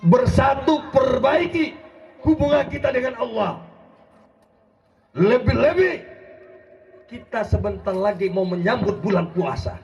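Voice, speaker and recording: A man preaching an impassioned sermon, rousing and often shouting as he addresses his listeners directly. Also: high-pitched, unhurried, vocal fry, pauses often. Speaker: preacher and legal consultant. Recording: dull lo-fi recording.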